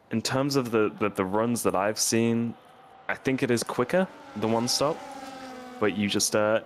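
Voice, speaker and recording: A man co-commentating a league sim race, hesitant with fillers between points and more animated when the cars are racing. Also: lowish voice, slight background noise. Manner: hesitant, many ums and restarts, gets animated during race action.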